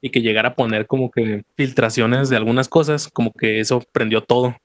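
A young Mexican man speaks at an average male pitch in a casual chat. He offers opinions in a tentative, hedging way. The recording is close and dry. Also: fairly even intonation, brisk, no echo.

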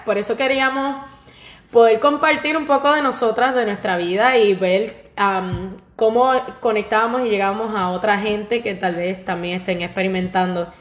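A woman's voice: mid-range voice, normal speed. A woman in her twenties with a Puerto Rican accent, co-hosting a podcast in casual chat, laughing often and slipping English words into her talk. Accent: Puerto Rican Spanish. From Puerto Rico. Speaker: podcast co-host. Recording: roomy echo.

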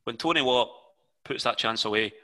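Very bright-voiced male interviewer. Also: mid-range voice, moderate pace, low-quality recording. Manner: lengthy, detailed setup questions. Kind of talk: interview questions.

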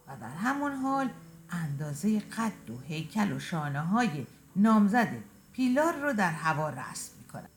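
A woman's voice: on the high side, pitched above the performer's own voice, close to an everyday voice. A woman voicing an older, grieving widow who chats fondly and gossips with a friend.

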